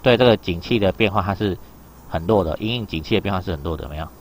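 A man teaches an exam reading lesson in a loose, chatty way. His voice sits low and he talks fast. He keeps asking his students whether they follow along. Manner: explains in a loose conversational way. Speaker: Japanese teacher.

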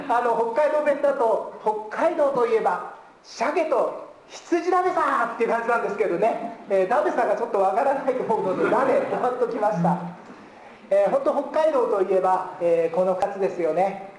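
A male pastor giving a sermon at a pulpit, filling pauses with a drawn-out "ee" and slipping in light jokes. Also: sits high, a little mellow, slight background noise. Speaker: guest pastor. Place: church sanctuary. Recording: roomy church live stream.

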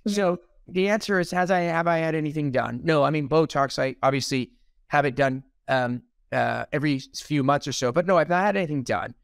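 A middle-aged Iranian man, a plastic surgeon and podcast host, talks bluntly and jokingly in a casual interview chat over a video call from a room at home. His voice sits on the high side, a little fast, smooth with vocal fry, captured in studio-quality sound with no echo.

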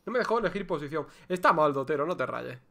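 A man with a Spain Spanish accent streaming a video game, chatting casually with excitable, theatrical, joking complaints. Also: a little high, quick pace, gravelly. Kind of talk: casual livestream gameplay chatter.

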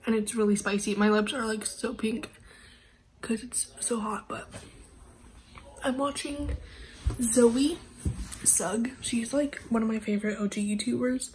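Young woman vlogger, stuffy nasal cold voice, a bit high, rambling and soft at home, faint room noise. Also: measured pace, pauses often, low-quality recording. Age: young adult. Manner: chatty, rambling, often drops to a half-whisper. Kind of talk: casual vlog chat. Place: at home, indoors.

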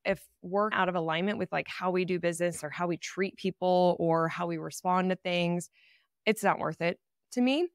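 Brief: woman in her 30s, podcast host, animated chatty storyteller, smooth clear tone, dry close sound. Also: on the low side, moderate pace, no echo. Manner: animated, chatty, many "like" fillers. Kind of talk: personal storytelling monologue.

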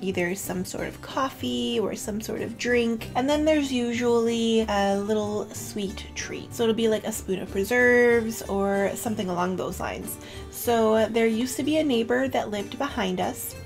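A woman's voice: on the high side, measured pace, creaky, faint music behind. A young woman vlogging casually to camera, chatty and full of "like", emotional and close to tears. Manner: chatty, with filler "like" and self-corrections. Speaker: beauty vlogger.

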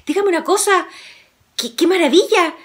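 A woman's voice: extremely high pitch, moderate pace, pitched above the performer's own voice. A woman storyteller voicing an eager young country lad who exclaims in wide-eyed wonder. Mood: marveling.

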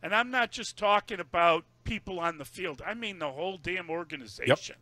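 Emphatic high, bright male radio host. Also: fairly quick, no echo. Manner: emphatic, pointed opinions. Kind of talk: postgame radio talk.

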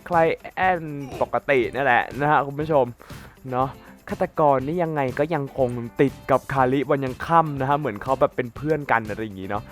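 A man's voice: mid-range voice, moderate pace, soft background music. A young man with a slight cold, chatting casually to his viewers while playing a game and wandering off into rambling asides. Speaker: gaming YouTuber. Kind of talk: casual gameplay commentary.

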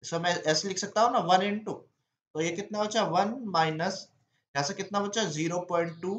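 A man's voice: high-pitched, fairly bright tone, reverberant, a little hiss or hum. A man teaching an exam-prep lesson, walking through each step by asking himself questions and then answering them.

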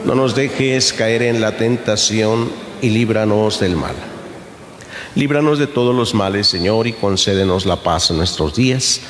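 A middle-aged priest intones the Mass in a slow, measured, solemn voice that sits low. He is recorded from across the altar, with a long reverb rolling through the church. A faint hum of ambience lies underneath. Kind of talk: liturgical recitation at Mass. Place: church sanctuary, behind the altar. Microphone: fixed camera from across the altar.

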